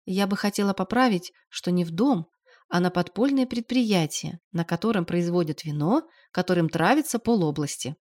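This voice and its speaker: A woman narrating an audiobook in a lively, expressive storytelling manner. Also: fairly low pitch, normal speed.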